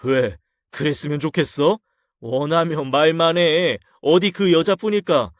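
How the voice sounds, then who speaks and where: A man voicing a domineering, quick-tempered husband in an audio story, curt and scornful. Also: a little high, no room sound, clean studio sound, natural voice. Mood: angry. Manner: curt, scornful, raising his voice.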